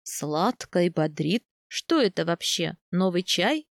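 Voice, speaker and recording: A woman reading an audiobook, voicing a passionate young steppe husband in a lower, drawn-out tone. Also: expressive, no echo, studio quality. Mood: teasing.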